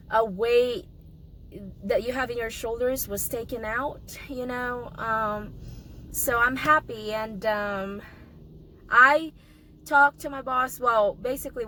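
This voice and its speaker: A young adult woman with a hoarse voice from a cold, coughing now and then, giving a casual vlog update in a halting way with many pauses and restarts. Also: fairly high pitch, steady tone, pushed and bright, a little hiss or hum, poor audio. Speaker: vlogger.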